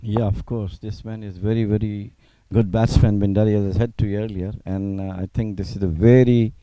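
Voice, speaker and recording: A man's voice: fairly low pitch, level tone, a little fast, mellow, dry recording. A man working as a cricket co-commentator, giving conversational expert analysis in emphatic, agreeable, simply phrased non-native English.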